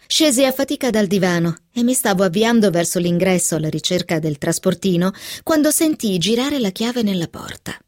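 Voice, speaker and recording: A woman's voice: mid-range voice, a little mellow, no room sound, studio quality. A woman reading a book aloud expressively, acting out the scenes. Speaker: book reader.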